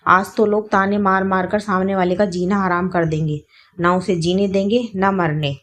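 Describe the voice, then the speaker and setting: A woman's voice: medium pitch, normal speed, a little mellow, lightly acted. A woman voicing a grieving young widow who speaks tearfully and pleads in a spoken story. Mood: anguished outburst.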